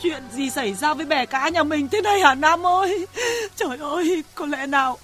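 A woman's voice: high-pitched, normal speed, fairly bright tone, soft background music. An actress playing an anxious rural mother who pleads with her grown son in a radio drama. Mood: grieving. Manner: pleading, emotional.

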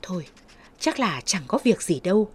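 A woman voicing a calm older brother who soothes and reassures, in a storybook reading. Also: medium pitch, moderate pace, slightly rough. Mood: reassuring.

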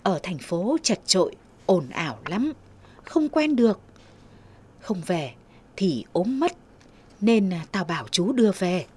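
A woman voicing an old village grandmother, gentle but firm, in a slow, measured storybook reading. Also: mid-range voice, big pitch swings, slightly rough, exaggerated voice. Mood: gentle, earnest.

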